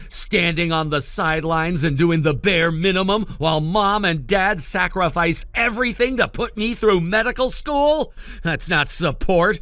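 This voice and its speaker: An actor playing an arrogant young medical-student brother in a family drama, talking in a condescending, cutting and dismissive way. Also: male voice, high-pitched, bright, forceful tone, no echo, full character voice. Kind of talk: dramatized family-conflict story dialogue.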